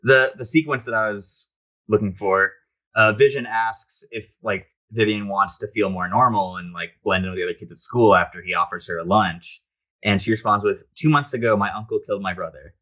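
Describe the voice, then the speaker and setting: Lively, opinionated man on a lo-fi podcast. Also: on the low side. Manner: enthusiastic, opinionated, quick asides. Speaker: podcast co-host. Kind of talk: casual chat about comics.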